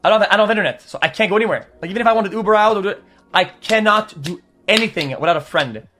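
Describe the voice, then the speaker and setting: A young man streaming to his chat, rambling through a story in a high, bright voice. He swears freely, repeats words and restarts often, then jumps into animated bursts. Faint music plays underneath. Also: very fast.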